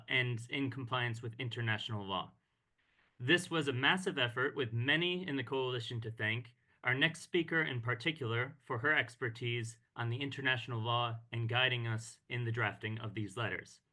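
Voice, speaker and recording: A man speaking as director of a peace organization, giving a formal, measured talk on a video call. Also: medium pitch, sharp tone. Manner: formal, measured delivery with occasional hesitations. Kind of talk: online meeting speech. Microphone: computer mic on a video call.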